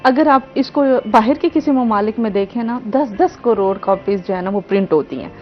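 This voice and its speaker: A woman's voice: mid-range voice, expressive, moderate pace. A woman with a Pakistani Urdu accent, a guest librarian earnestly explaining her points on a talk show. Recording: slightly dull broadcast audio with faint music.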